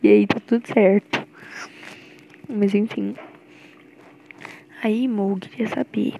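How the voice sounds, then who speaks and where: In this intimate voice message, a young woman with a Brazilian Portuguese accent rambles to her girlfriend, nervous and affectionate. She speaks slowly at a medium pitch with fairly even intonation and a creaky quality. The recording sounds muffled, with slight background noise.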